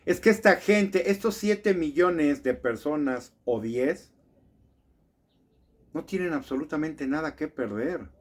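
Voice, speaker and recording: Male commentator, indignant monologue, slightly higher voice, rhetorical questions. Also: expressive, takes it slowly. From Mexico. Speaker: political commentator.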